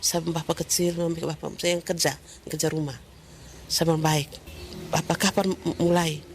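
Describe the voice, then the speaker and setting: Flat-voiced woman, matter-of-fact account. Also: sits low, normal speed, slight background noise. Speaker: interviewee, community member. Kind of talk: conversational testimony.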